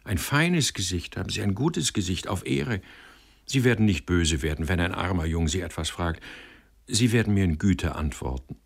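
A poor young apprentice lad in a storybook reading, pleading and chattering with eager, swooping pitch, as a male narrator puts him on. He wheedles timidly and talks on and on. The voice is low and husky. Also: expressive, normal speed, heavily acted.

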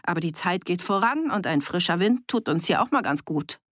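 A woman's voice: lowish voice, lively intonation, fairly quick, fairly bright tone, no room sound, clean studio sound. A woman voicing a sly male village troublemaker who speaks scornfully and provokes. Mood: provoking.

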